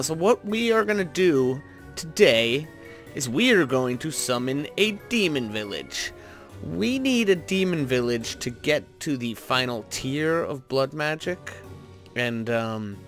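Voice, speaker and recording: Speaking in a medium-pitched, fairly bright voice, the host of a gaming video series chats casually while playing. His informal commentary is mostly him thinking out loud about the game.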